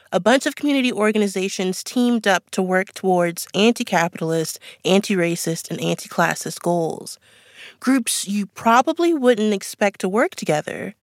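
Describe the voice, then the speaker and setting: A woman's voice: medium pitch, no echo, studio quality. A woman hosting a podcast, narrating reported history in a conversational way. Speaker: podcast host.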